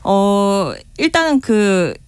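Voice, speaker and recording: A woman's voice: mid-range voice, sing-song, drawn-out words, smooth, dry recording. Woman radio guest, chatty science explainer, dry close studio sound. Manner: chatty explainer, many fillers, retells anecdotes. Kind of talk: radio current-affairs interview.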